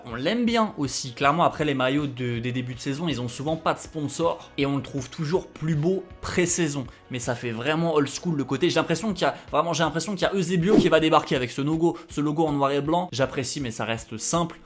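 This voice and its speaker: A young man from France giving casual, slangy vlog commentary, chatty and full of fillers and restarts. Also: on the high side. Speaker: graphic designer and YouTuber.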